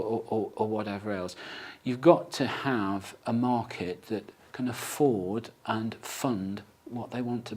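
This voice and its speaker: A man on a property panel, answering questions in a measured way with fillers and restarts. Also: medium pitch, a little mellow.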